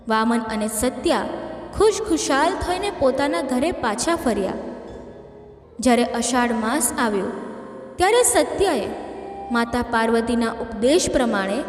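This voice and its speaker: A woman reading a scripted devotional story in a steady, measured way. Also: on the high side. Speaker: narrator. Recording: echoey reverb, faint music behind.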